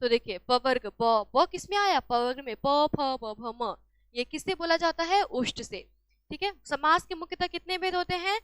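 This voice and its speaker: Female teacher, high voice, dry close sound, walks students through exam answers with question-and-answer drilling. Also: animated, normal speed, fairly bright tone, no echo. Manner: asks a question then answers it herself. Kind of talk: exam-solution lesson.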